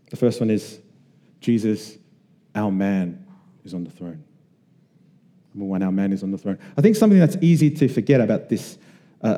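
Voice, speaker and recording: A man from Australia preaching a sermon to a congregation, earnest and conversational with emphatic pauses. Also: mid-range voice, warm tone, big-room sound. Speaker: pastor.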